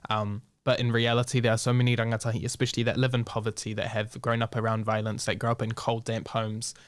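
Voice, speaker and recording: A young man with a New Zealand accent talks frankly in a relaxed interview, swearing freely and dropping in Māori words. His voice sits at an ordinary middle pitch. The recording is close and dry, with no room sound. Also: quick pace, no echo. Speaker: guest. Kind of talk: casual podcast interview.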